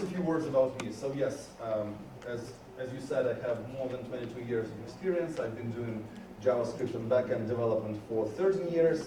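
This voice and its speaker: A man from Georgia gives an earnest conference talk on stage, his mid-range voice mellow and often restarting phrases, rising when he emphasizes a point. He's recorded from a distance in a roomy conference hall with faint noise.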